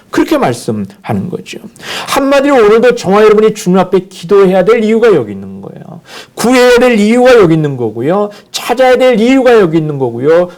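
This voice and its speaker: A man's voice: high voice, darkish tone. A man preaching a sermon as senior pastor, dramatically acting out the lines of the people he quotes.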